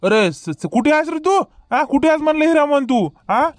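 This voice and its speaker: A man's voice: very high voice, very animated, normal speed, no room sound. A man with a Vidarbha Marathi accent playing a confused, protesting village man in a rustic comedy sketch.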